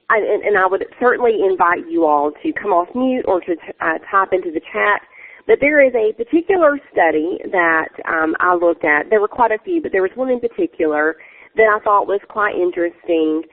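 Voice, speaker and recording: Southern woman, nasal from a sore throat, earnest webinar presenter, thin phone-line sound. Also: on the low side. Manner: earnest, many fillers.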